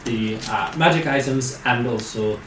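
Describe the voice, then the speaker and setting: A man playing a businesslike male recruiting officer who briefs new recruits, with frequent hesitant "uh" pauses. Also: medium pitch, pitched below the performer's own voice, lightly acted. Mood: briefing. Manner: measured, many "uh" pauses. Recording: roomy, distant mic, faint noise.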